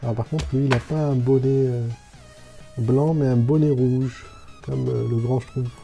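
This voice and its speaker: A man with a very dark, mellow voice gives casual, talkative unboxing commentary. He describes each toy as he goes and thinks aloud between items. Soft music plays faintly underneath at a medium pitch. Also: steady tone, measured pace, gravelly. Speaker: toy reviewer.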